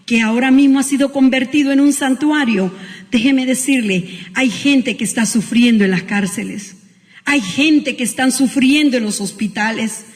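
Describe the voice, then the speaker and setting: A woman's voice: high-pitched, normal speed. A woman pastor preaching a Christmas sermon, telling a story with emotion and frequent restarts. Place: school hall used as church. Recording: long hall reverb.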